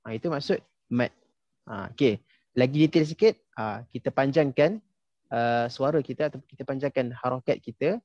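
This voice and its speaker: A man's voice: mid-range voice, normal speed, darkish tone, no echo, muffled recording. A young man teaching a class online, patiently quizzing students and filling gaps with "ha" and "okey". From Malaysia. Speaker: tajwid teacher. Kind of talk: casual online class instruction.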